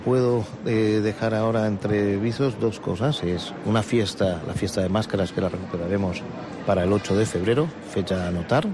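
A man's voice: on the low side, fairly even intonation, normal speed, a crowd in the background. A man with an accent from Spain answering as a club spokesman in a live radio interview, in formal wording with some hesitations. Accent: Spanish, from Spain. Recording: noisy outdoor urban setting with traffic. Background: street and vehicle noise.

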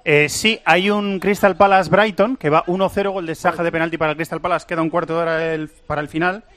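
Man, brisk factual updates, a little high, dry studio sound. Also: steady tone, fairly bright tone, no room sound. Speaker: radio football reporter. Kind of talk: score update and studio chat.

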